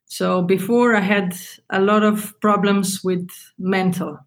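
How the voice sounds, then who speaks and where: Woman from Slovenia, halting and searching. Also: mid-range voice, flat delivery. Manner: halting, searching for words, non-native English. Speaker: guest, tennis coach. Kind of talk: casual interview talk.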